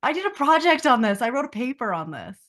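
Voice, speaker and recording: A woman's voice: sits high, sing-song, fast talker, a bit bright. A woman co-hosting a podcast in casual chat, laid-back, reading search results aloud and trailing off mid-thought. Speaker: podcast co-host.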